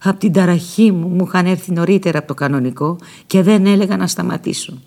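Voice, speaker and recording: A woman narrating a first-person novel aloud in an expressive, dramatic storytelling manner. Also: fairly low pitch. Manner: expressive, dramatic storytelling with lively shifts in loudness. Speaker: audiobook narrator.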